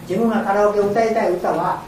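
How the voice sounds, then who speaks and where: A woman's voice: mid-range voice, steady tone, brisk, darkish tone. An older woman gives an informal talk to a group, explaining patiently in short phrases. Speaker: guest speaker who is blind, answering questions. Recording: very echoey room, distant mic, faint noise.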